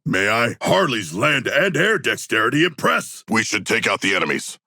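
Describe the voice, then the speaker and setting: A man's voice: medium pitch, very animated, moderate pace, bright, forceful tone, no room sound, studio quality, full character voice. A man voicing a huge, bloodthirsty yet earnest shark king in a video game, speaking in formal, archaic, grandly declarative lines.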